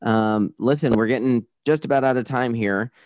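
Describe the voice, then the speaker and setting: A man hosting an interview podcast, encouraging and measured. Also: medium pitch, a little mellow, no room sound, clean studio sound. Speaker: podcast host. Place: studio in Florida.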